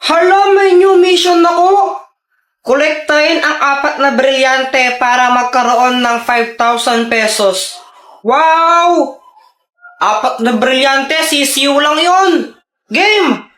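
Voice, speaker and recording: A woman's voice: high voice, slow pace, a bit bright. A woman acting in a comedy skit, speaking in an eager and chatty way. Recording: echoey room.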